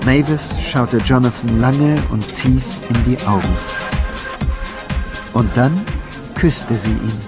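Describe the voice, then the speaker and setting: A man narrating a children's storybook audiobook in an even, lively storytelling tone. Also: medium pitch, slow pace, pauses often. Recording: narration over film music.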